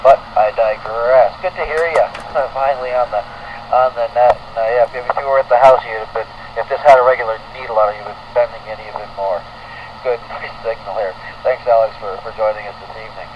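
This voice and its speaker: Speaking a little fast in a steady, mid-range voice, a middle-aged or older net control operator runs a radio roll call with folksy, rambling chatter. The setting is an indoor radio room with the window open, and the ham radio sound is noisy, dull and distant.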